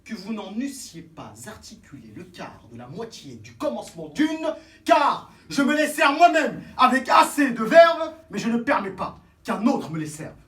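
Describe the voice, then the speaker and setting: Un acteur jouant un bretteur fier et spirituel, déclamant des vers de théâtre avec emphase, de façon cabotine et flamboyante. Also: male voice, high-pitched, sing-song, moderate pace, few pauses. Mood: scornful, defiant. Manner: hammy, flamboyant, swinging from hushed to bellowed. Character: proud, witty swordsman Cyrano de Bergerac mocking his own nose. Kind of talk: theatrical verse declamation, classical French stage acting. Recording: roomy echo, distant microphone, faint noise.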